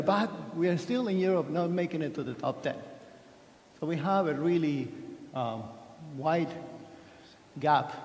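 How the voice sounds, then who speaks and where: A man from Argentina speaks in a voice that is a little high and darkish in tone. At the conference he gives a chatty keynote, self-deprecating and full of restarts, in a large hall whose long reverb makes it sound echoey.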